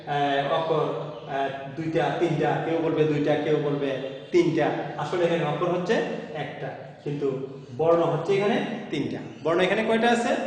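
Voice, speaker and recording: High-voiced male teacher, very echoey room. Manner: repetitive, asks questions then answers them himself; frequent hesitant "ah" fillers. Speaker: college Bengali teacher. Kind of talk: classroom grammar lecture. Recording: very echoey room with long reverb.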